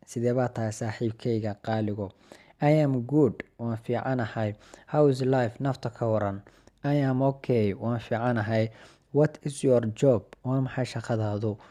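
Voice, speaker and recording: A young man with a Somali accent and a mid-range voice teaches an English lesson from sample dialogues. He reads each English line slowly and a bit louder, then translates and explains it more quietly.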